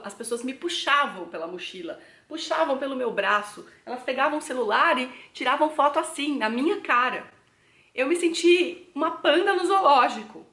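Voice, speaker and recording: A woman's voice: fairly high pitch, fairly bright tone. A young Brazilian woman with a Brazilian Portuguese accent, chatting reflectively to her viewers in a casual vlog. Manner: chatty, addresses viewers directly as "gente". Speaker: travel vlogger. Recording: echoey room.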